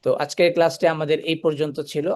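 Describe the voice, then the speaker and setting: A man giving a Quran recitation lesson in a voice pitched a little above the usual male range. He moves through each rule step by step, asking a question and then answering it himself. He slows right down whenever he recites an example verse. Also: flat delivery, darkish tone.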